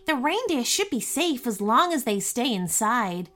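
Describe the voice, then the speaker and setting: A woman voicing a brave, eager young female junior elf in a storybook reading, with an excited, urgent manner. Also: fairly high pitch, unhurried. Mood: earnest.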